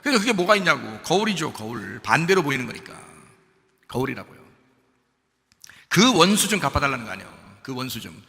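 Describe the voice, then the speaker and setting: A man preaching a sermon as pastor, emphatic, firing rhetorical questions and swinging between loud urging and quiet asides. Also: mid-range voice, sing-song, a little fast, gravelly, pauses often, long reverb tail. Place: church sanctuary.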